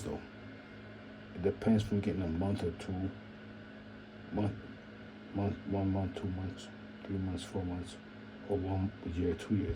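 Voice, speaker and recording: A man's voice: sits low, background noise. A man hosting his own channel, rambling through a half-joking solo commentary and repeating himself with musing asides. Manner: repetitive, musing, keeps saying "imagine that". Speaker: channel host.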